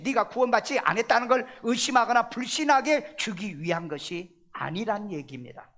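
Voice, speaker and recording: Male pastor, high pitch, church sermon; emphatic, questioning the pews, loud-to-hushed swings. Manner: emphatic preaching full of rhetorical questions to the congregation; swings between loud stressed phrases and hushed asides. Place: church sanctuary.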